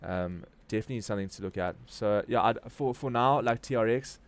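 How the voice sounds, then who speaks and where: Speaking a little fast in a fairly low voice, this Durban-born crypto livestream host talks through the market live. His South African accent comes through in loose, informal, slang-filled musings as he thinks out loud.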